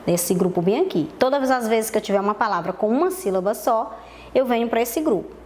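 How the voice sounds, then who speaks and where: A Brazilian woman teaching a televised lesson to young children, stretching words out slowly and repeating the key terms. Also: on the high side, lively intonation, a little mellow, a little hiss or hum. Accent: Brazilian Portuguese. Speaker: primary school teacher.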